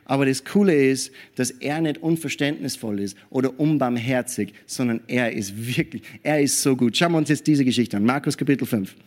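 A man preaching a sermon in an animated way, often checking in with his listeners and adding hallelujah and amen. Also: medium pitch, brisk, hardly any pauses. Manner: animated preaching with frequent tag questions.

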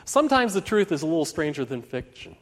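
A man's voice: on the high side, very animated, fast, in a large hall. A man preaching a Christmas sermon in a church, telling a story earnestly with frequent restarts.

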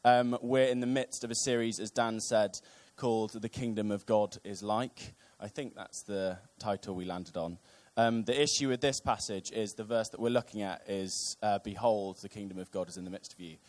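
Brief: young male preacher, lowish voice, halting delivery full of ums, dry humor. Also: steady tone, a little mellow. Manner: hesitant, many ums, wry asides. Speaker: preacher on the church team. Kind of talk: casual sermon.

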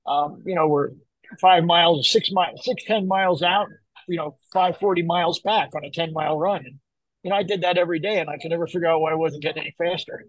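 Older man, higher-pitched, close dry sound. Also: fast talker, no room sound, low-quality recording. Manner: rambling, repeats phrase openings. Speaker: running coach. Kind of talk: casual interview talk.

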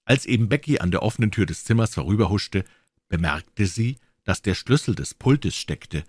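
A man with a lowish voice narrates a classic story as an audiobook. His telling is measured and expressive, and the recording is close and dry with no room sound. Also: dry recording. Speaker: audiobook reader.

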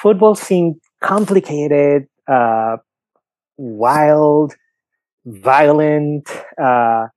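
Speaking very slowly in a fairly high yet darkish voice, this priest guest is a middle-aged man from Peru with a Peruvian Spanish accent. On a dry recording, he lays out his views for a podcast interview, full of fillers and examples.

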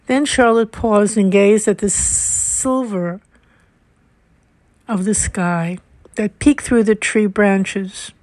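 A woman narrating a mystery novel aloud in a measured, unhurried reading. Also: medium pitch, a little mellow, no room sound. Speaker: audiobook narrator. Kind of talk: scripted narration.

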